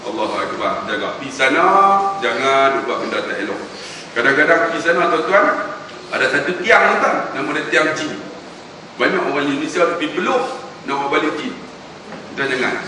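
A man's voice: medium pitch, a little fast, a little hiss or hum. A man with a Malaysian Malay accent giving a religious lecture, telling stories and often addressing the audience directly. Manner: storytelling, animated, addresses audience as tuan-tuan. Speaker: preacher. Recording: echoey hall, distant mic.

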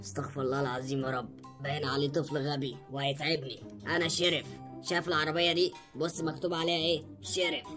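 A man's voice: fairly high pitch, flat delivery, fast talker, over loud music, natural voice. A man voicing a bossy, pompous male sheriff with an Egyptian Arabic accent, giving orders impatiently.

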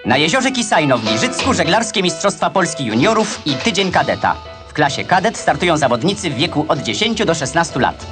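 A man delivering brisk, declamatory commentary as the narrator of an old 1960s newsreel. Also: fairly high pitch, sing-song. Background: loud music.

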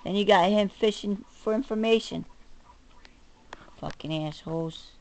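Background noise sits behind a middle-aged woman's angry personal rant to camera, which she records herself. She swears, stresses words emphatically and picks fights, moving between mutters and a raised voice, all in a medium-pitched voice at a measured pace.

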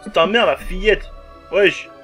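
A man's voice: high voice, unhurried, a bit bright, faint music behind. A man giving casual let's-play commentary over a game, jokey and crude, swearing often and humming along.

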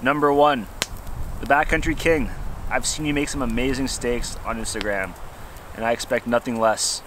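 Cooking at a campfire in snowy woods, a young man makes a casual camp cooking vlog, bantering with jokes in a relaxed way. He speaks in a mid-range voice at a moderate pace, filmed outdoors by a camera a few feet off, with clear background noise.

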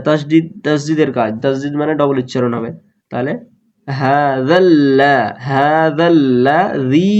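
A man teaching recitation rules, breaking off his explanations to chant words drawn out as examples. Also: medium pitch. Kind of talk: recitation lesson. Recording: dull lo-fi recording.

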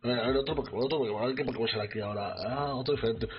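Excitable Spanish man streaming a game. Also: medium pitch, racing, highs cut off. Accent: Spain Spanish. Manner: excitable, talks to chat. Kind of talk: live gameplay commentary.

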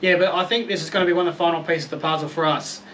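A man in his thirties with an Australian accent races through his camping gear unboxing in a steady, slightly bright, higher voice over a little hiss or hum. His manner is laid-back, chatty and self-deprecating with mild swearing, and he records on an outdoor patio before heading into a garage.

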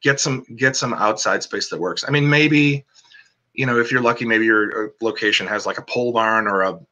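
Cinematographer guy on a video call, bright tense voice, lots of likes and ums. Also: lowish voice, a little fast. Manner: rambling, many "like" and "um" fillers. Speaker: cinematographer guest. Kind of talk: casual video-call chat.

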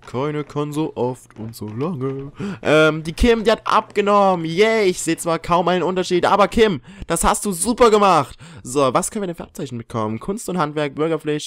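A man's voice: medium pitch, no room sound, clean studio sound. A young man giving casual, joking commentary while playing a life-simulation game, often teasing the characters. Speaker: let's play host.

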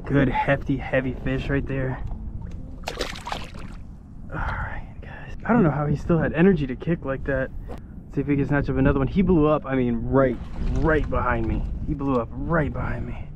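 A young American fishing vlogger fishes from a kayak on open, shallow water outdoors, giving his viewers excited, loose running commentary, swearing casually and calling them guys. His medium-pitched voice moves at normal speed, caught by an action camera mounted on the kayak. The audio is dull, with a noisy background.

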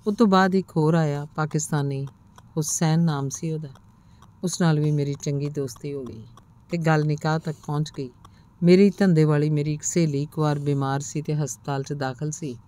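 A woman narrating a first-person audiobook story in a measured, expressive reading. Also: low voice.

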